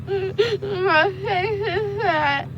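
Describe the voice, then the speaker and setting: Crying, groggy young woman, very high voice. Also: drawn-out words, muffled recording. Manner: slurred, whiny, plaintive. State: groggy from anesthesia, numb mouth.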